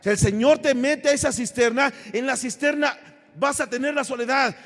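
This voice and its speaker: High-voiced Mexican pastor preaching loudly. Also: male voice, normal speed, big-room sound. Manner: impassioned preaching, swings from shouts to low asides. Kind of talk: sermon. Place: church sanctuary.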